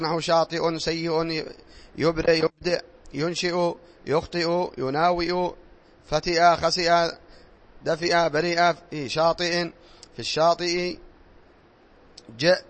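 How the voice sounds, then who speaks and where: A man's voice: high voice, a bit bright. A man teaching a classroom grammar lesson, reading rules aloud, drilling examples and quizzing his pupils in a classroom. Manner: repetitive, drilling tone.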